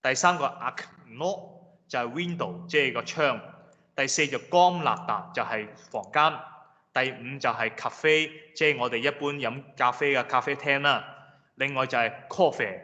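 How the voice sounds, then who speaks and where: Bright-voiced male lecturer in a hall. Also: medium pitch. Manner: patient, explanatory, repeats example words slowly. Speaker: language lecturer. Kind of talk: classroom lecture. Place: lecture room. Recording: reverberant hall, dull lo-fi sound.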